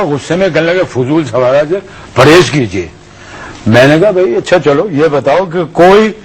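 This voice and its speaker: A brash husky customs officer. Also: male voice, a little high, rough recording. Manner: animated storytelling, acting out both sides of quarrels. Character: brash, swaggering middle-aged male senior customs officer. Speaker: customs officer character on a talk show. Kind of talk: comic anecdote told in character.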